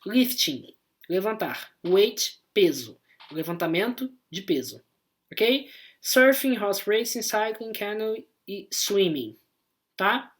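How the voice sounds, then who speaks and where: A woman with a Brazilian Portuguese accent, explaining an online English lesson in a chatty way and tagging her sentences with quick checks to the class. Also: mid-range voice. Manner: chatty, explanatory, constant "né?" and "tá?" tags. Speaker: English teacher.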